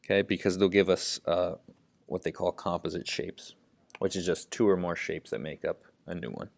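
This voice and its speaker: A man with a low, deep voice tutors math, working problems out loud step by step. He leans on "okay" as a constant verbal tic. The sound is close and dry, with no room around it. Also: moderate pace, vocal fry, no echo. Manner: says "okay" constantly, thinks aloud step by step. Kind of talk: lesson narration while writing.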